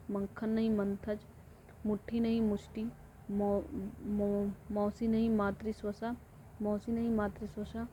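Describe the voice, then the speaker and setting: A woman teaching an exam-prep lesson, reading through word pairs and repeating each one in a steady drilling way. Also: medium pitch. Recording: dull lo-fi audio with faint noise.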